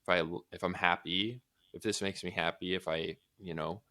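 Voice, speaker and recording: Deep-voiced young man, loose chat. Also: steady tone, normal speed, bright, forceful tone. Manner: loose, profane, full of filler words. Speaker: podcast co-host. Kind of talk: casual chat.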